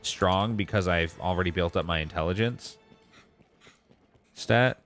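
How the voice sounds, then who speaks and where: Low-pitched man streaming a video game. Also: unhurried, a bit bright. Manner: reads and answers viewers' messages aloud. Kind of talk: casual live gameplay commentary. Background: game music.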